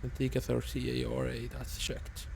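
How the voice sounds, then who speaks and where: A man with a low, gravelly voice gives clipped pilot-style cockpit callouts as he works through his checklist. The tone is dark and relaxed, with a faint hum behind him. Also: normal speed. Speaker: flight sim player flying online.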